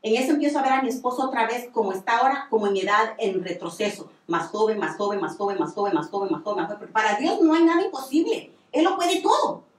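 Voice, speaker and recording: A woman's voice: on the high side, animated, quick pace, hardly any pauses. A woman giving a religious testimony on the radio, telling her story earnestly with many repetitions. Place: radio studio. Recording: echoey room, distant mic.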